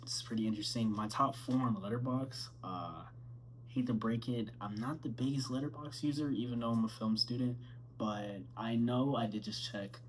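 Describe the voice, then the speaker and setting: A man's voice: medium pitch, moderate pace, slight background noise, rough recording. A twenty-two-year-old man, a film student, talking casually from his bedroom, rambling with fillers and self-corrections. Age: 20s.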